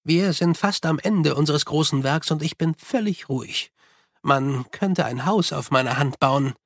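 A man doing an eerily calm young clockmaker. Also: a little high, unhurried, no room sound, studio quality.

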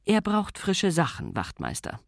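A man's voice: on the high side, wildly swooping pitch, vocal fry, dry recording, studio quality, voice pushed up, exaggerated voice. A man reading aloud, voicing a large, formidable upper-class lady with a stern, commanding manner. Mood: imperious. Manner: stern, commanding, briskly polite. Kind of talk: audiobook role reading.

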